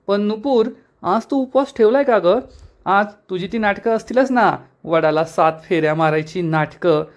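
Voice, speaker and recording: Mocking woman, sharp tongue, higher voice, a man putting it on. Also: moderate pace, lightly acted. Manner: mocking, needling. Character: scornful, taunting woman, sharp-tongued elder relative.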